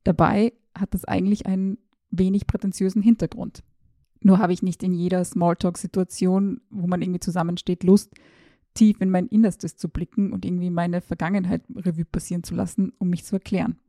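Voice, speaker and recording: A woman in her 30s with a gravelly, flat, lowish voice talks briskly in a casual personal monologue, like a voice message, recorded dry at studio quality. She's a podcast host and journalist from former Yugoslavia, raised in Austria, whose first language is Serbo-Croatian. Her manner is chatty and self-ironic, with hesitant fillers.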